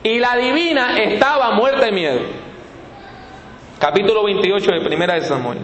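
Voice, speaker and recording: High-voiced folksy preacher man. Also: moderate pace. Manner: animated, folksy, rhetorical questions. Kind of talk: storytelling sermon. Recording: echoey hall, faint room noise.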